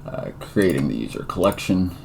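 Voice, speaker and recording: A man's voice: low voice, animated, moderate pace, gravelly, a little mellow, a little hiss or hum. A tired man thinking aloud with many fillers as he walks through a coding tutorial, a yawn never far off. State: tired and yawning. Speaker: tutorial presenter. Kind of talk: casual screen-recorded coding tutorial.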